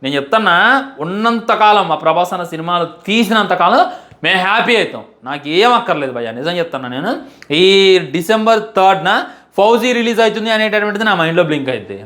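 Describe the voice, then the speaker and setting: A man's voice: high voice, lively intonation, fast talker, fairly bright tone. Impassioned young man pleading his case. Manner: emphatic, repetitive, pleading. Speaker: fan commentator. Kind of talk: impassioned fan monologue.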